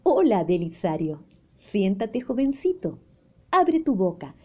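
A woman's voice: mid-range voice, very animated, takes it slowly, darkish tone, breathy edge, lo-fi sound, exaggerated voice. A woman voicing an older, patient male children's dentist in a storybook, speaking kindly and instructively.

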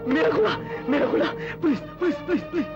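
A man's voice: extremely high pitch, big pitch swings, quick pace. An actor playing a childish, cruel male bandit chief who giggles, repeats words and taunts people, in a 1970s film. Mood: gleeful menace. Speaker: bandit leader. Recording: dull 1970s film soundtrack with music.

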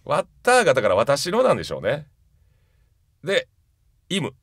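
A man's voice: fairly high pitch, wildly swooping pitch, a little fast, fairly bright tone, no room sound, clean studio sound. A man with a Kansai accent co-hosting a radio variety show, chatting casually and running a quiz. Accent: Kansai Japanese. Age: 40s. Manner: laid-back and chuckling, reads quiz lines in a rising announcer voice. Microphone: studio microphone.

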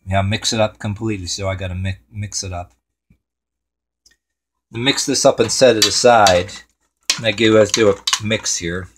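A man's voice: on the low side, steady tone, normal speed, long pauses, background noise. A man hosting a home cooking show in his kitchen, rambling and swearing casually to himself as he works.

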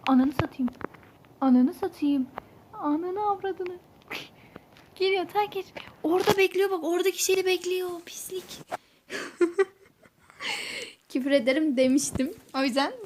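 High-voiced woman whispering and cursing through a game. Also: darkish tone, slight background noise. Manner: swears freely, drops to whispers when sneaking, bursts into alarmed exclamations. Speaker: mobile horror game player. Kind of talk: casual let's-play commentary. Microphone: phone screen recorder mic.

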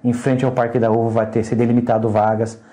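A middle-aged traffic agency official is interviewed indoors at a radio station, explaining things and often ending phrases with the tag "né". His medium-pitched voice is warm, with little pitch movement and a quick pace.

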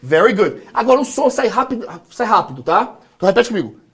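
A man's voice: high voice, very animated, fast talker, fairly bright tone, breathy edge. A Brazilian man teaching English in a live class, leading call-and-repeat drills and joking with his students. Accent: Brazilian Portuguese.

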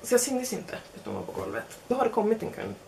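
Her voice is a little high with vocal fry, and a faint hiss or hum runs underneath. The young woman spins a casual, self-mocking story, animatedly acting out the quotes of those involved.

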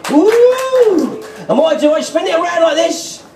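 A middle-aged British man talks fast in a very high voice, throwing questions at children during exuberant magician patter on stage in a festival marquee. A distant audience camera captures his amplified voice, which echoes through the tent PA.

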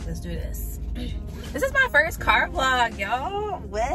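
A woman's voice: high voice, sing-song, extremely slow, music in the background. A young woman vlogging from inside her car, chatting upbeat and casual to her viewers, speaking to a phone on the dashboard. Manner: chatty and upbeat, addresses viewers as y'all and guys. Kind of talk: casual vlog talk to camera.

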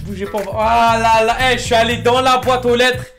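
A tired young man streaming live, chatting in a slangy, excitable way with groaning exclamations. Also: extremely high pitch, brisk, faint music behind. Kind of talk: casual live-stream chat.

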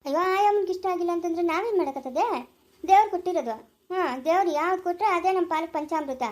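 A performer playing a bossy older village aunt in a rural family drama, scolding in a brisk way with a rural Chikkaballapura Kannada accent. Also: very high voice.

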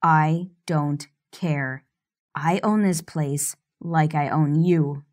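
A woman's voice: deep voice, steady tone, slow pace, a little mellow, pitched below the performer's own voice. A woman voicing a cold, domineering rich young man who speaks in icy, clipped commands, in an audiobook. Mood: cold commanding.

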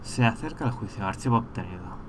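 A man giving casual let's-play commentary, thinking aloud and breaking into excited rants. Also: lowish voice, fast, noisy background. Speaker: gameplay streamer.

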